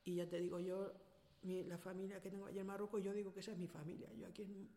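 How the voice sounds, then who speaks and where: Earnest Spanish woman, mellow voice. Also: mid-range voice, level tone, fast talker, big-room sound. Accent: Spain Spanish. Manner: earnest, direct storyteller who acts out past dialogue. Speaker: interviewee. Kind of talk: personal account in casual conversation.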